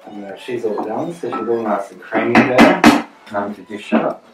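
Over loud music, a middle-aged man chats through cooking tips at his stove during a casual demonstration in his own kitchen. His voice is on the low side, fairly even, at normal speed, and the echoey room rings with pot and cutlery clatter.

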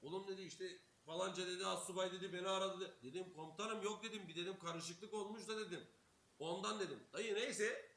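A man's voice: high voice, fairly even intonation, a little fast, a bit bright. A young man from Turkey telling a story casually as a streamer, swearing a lot and acting out every quoted line. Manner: swears constantly, acts out quotes, laughs while telling. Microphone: streaming mic. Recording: echoey room with faint hiss.

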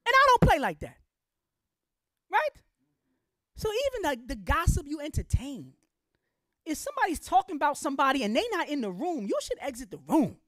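A woman's voice: high voice, very animated, moderate pace, long pauses, fairly bright tone, no room sound, clean studio sound. A middle-aged woman giving an impassioned public lecture, blunt and colloquial, firing off rhetorical questions in a preachy, fiery way.

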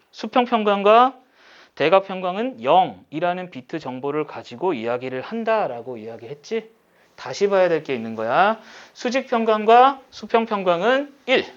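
A male teacher giving a recorded lesson, talking the class through a problem step by step and checking in with many quick questions. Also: sits high, highs cut off. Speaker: high school Korean teacher.

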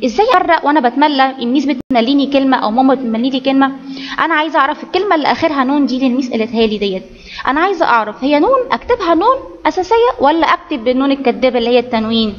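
A muffled recording with a long echo captures a woman's high-sitting voice. She is a primary school Arabic teacher with an Egyptian accent, giving children an online grammar lesson, explaining one step at a time and regularly asking whether the class understands.

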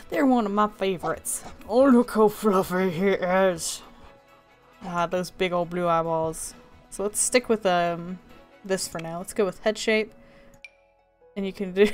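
Chatty young woman gushing over game pets. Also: on the low side. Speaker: gaming channel host. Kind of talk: casual gameplay commentary.

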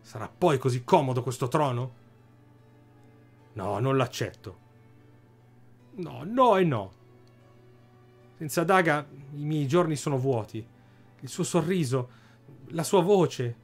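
A man's voice: fairly high pitch, expressive, slow, pauses often, soft background music, full character voice. A man reading a lovesick young thief.

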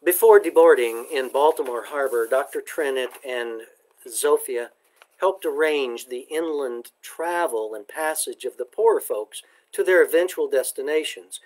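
A man presenting a book discussion, summarizing and reading passages aloud in a slow, measured way. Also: mid-range voice. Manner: slow, deliberate, measured delivery.

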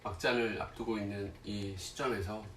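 A man chatting casually to viewers as a livestream host, haltingly, with long pauses and murmured asides. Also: on the low side, fairly even intonation, a bit bright, slight background noise. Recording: roomy echo, distant mic, faint music.

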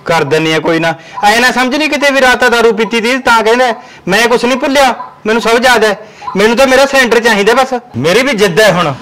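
A man plays a quarrelsome rural husband with a Malwa Punjabi accent, his voice very high and rapid. He rants and insults stubbornly, with faint outdoor ambience behind him. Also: pushed and bright, slight background noise. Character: hot-tempered village husband Jassa. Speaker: actor. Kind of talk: village short film acting.

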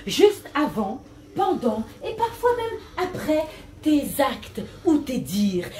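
A woman's voice: high voice, slight background noise, exaggerated voice. A woman playing a grandiose self-esteem coach who preaches in a mock-solemn way, with a big cathedral-like echo around her voice. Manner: preachy mock-solemn call-and-response, mixes English jargon. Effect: big resonant cathedral-like echo. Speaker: stand-up performer. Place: large resonant venue. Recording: echoey room, mic far off.

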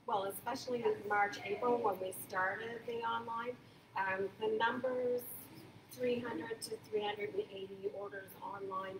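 A woman's voice: on the high side, vocal fry. An older woman who manages a farmers market, chatting eagerly in an interview with lots of fillers and restarts. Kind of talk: casual interview. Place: large indoor market hall. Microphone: phone camera a few feet away. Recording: echoey hall from a distance, background hum.

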